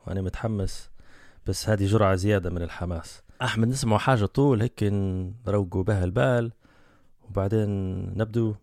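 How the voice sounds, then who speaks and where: A man's voice: on the low side, fast talker, a little mellow, no echo. A Libyan man hosting a podcast, eager and given to musing aloud about his thoughts. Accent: Libyan Arabic. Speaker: podcast host. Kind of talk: casual podcast conversation.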